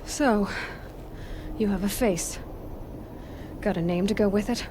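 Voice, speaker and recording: A woman's voice: medium pitch, takes it slowly, noisy background, natural voice. An actress playing a stubborn, questioning young female adventurer in a video game, earnest with a sardonic edge. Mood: defiant. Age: young adult. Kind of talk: dramatic video game acting.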